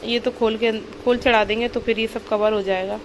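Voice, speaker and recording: A mother vlogging at home chats to the camera, walking through her laundry and cooking one step at a time. Her voice is fairly high and steady, she talks fairly quickly, and the background is noisy.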